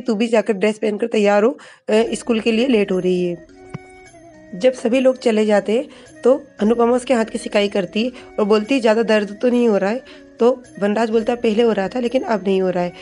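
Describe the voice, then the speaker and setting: A woman narrating a TV serial episode recap in a casual, unscripted way, with pauses and restarts. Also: on the high side. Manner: retells scenes with filler pauses and restarts, reading dialogue flatly.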